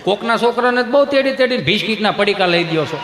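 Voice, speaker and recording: A man's voice: high-pitched, quick pace. A man telling folksy jokes on stage and voicing the characters in them. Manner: folksy, animated, voices the characters in his jokes. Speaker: stage comedian. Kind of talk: stage comedy storytelling. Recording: echoey hall with faint noise.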